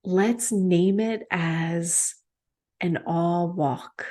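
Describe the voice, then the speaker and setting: A woman meditation teacher giving a reflective talk, gentle and unhurried, with soft pauses. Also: fairly low pitch. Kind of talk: slow reflective dharma talk.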